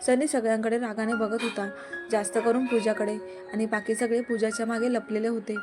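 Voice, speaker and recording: A woman storyteller narrates an episode of a serial story in a brisk, plain way. Her voice sits slightly high, and a steady music bed runs beneath the whole reading. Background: background music.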